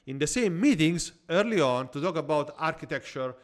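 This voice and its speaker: A man with an Italian accent hosting a podcast, chatting casually and jokingly, trailing off into quiet asides. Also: on the high side, expressive, normal speed. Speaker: podcast host. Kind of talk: casual interview chat.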